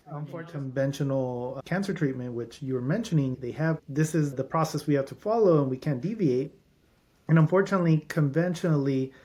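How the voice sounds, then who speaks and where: A man's voice: fairly high pitch, a little mellow. A man who is a doctor at a holistic clinic, a guest on a podcast, explaining treatments in runs of lists with frequent restarts.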